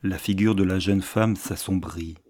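A man narrating a classic novel aloud in a measured, literary way. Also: low-pitched, steady tone, darkish tone. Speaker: audiobook narrator.

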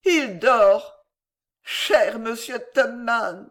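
A reader voicing a hysterical, sentimental spinster aunt with shrill, fluttering outcries in a storybook reading. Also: female voice, extremely slow. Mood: fluttered.

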